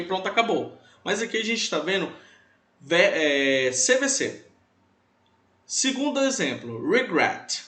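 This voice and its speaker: A man's voice: fairly high pitch, pushed and bright, roomy sound. A man with a Brazilian Portuguese accent teaching an English class, explaining patiently and repeating words to drill pronunciation. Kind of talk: recorded online class.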